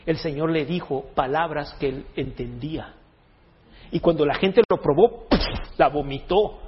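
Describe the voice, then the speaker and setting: A man's voice: fairly high pitch, moderate pace, a little hiss or hum. A man preaching a sermon in a jokey, conversational way, often restarting his sentences. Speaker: pastor. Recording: long hall echo, dull lo-fi sound.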